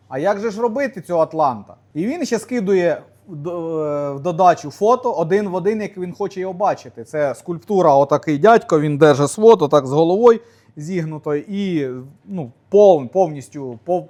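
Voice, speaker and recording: High-voiced man. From Ukraine. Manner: animated, vivid anecdotes, colloquial. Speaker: plaster decor workshop owner. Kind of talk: interview storytelling.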